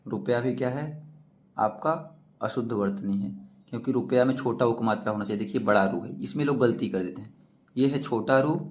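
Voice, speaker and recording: A man teaching an exam-prep lesson, asking questions and repeating the answers himself. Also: lowish voice.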